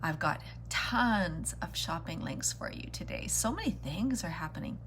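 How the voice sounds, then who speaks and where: A low-voiced woman hosts a casual beauty livestream. She chats straight to her viewers with friendly greetings and endearments while doing her makeup. There is noticeable noise and hum behind her voice. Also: big pitch swings, moderate pace, gravelly, a bit bright. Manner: chatty, addressing viewers directly with greetings and endearments. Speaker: beauty vlogger hosting a live makeup tutorial.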